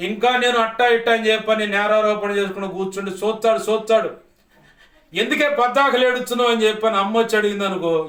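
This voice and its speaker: A man preaches a sermon as pastor with an emphatic, repetitive cadence. His voice is high and a bit bright. It was recorded on a distant mic in an echoey church hall.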